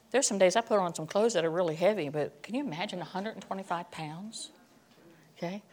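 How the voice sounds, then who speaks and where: A middle-aged woman teaching a Bible lesson in a chatty sermon style, reading verses and adding joking, self-deprecating asides. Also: medium pitch.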